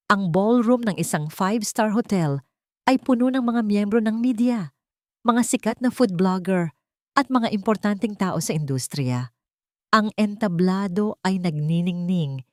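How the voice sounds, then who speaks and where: A woman with a Filipino accent narrates a scripted dramatic story. Her medium-pitched voice is a little mellow, and the recording has clean studio sound with no room echo.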